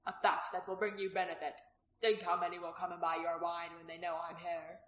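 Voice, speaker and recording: A woman's voice: fairly low pitch, steady tone, moderate pace, fairly bright tone, natural voice. A woman reading the part of a blunt, hardened former gladiator who speaks curtly and dryly, in a storybook reading. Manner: curt, dry, firm. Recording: roomy echo.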